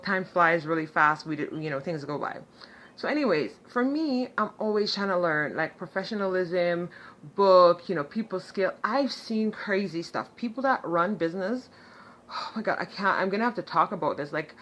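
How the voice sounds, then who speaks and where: A woman telling a story in a casual vlog, chatty and animated, full of fillers and sarcastic asides. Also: on the low side. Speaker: vlogger.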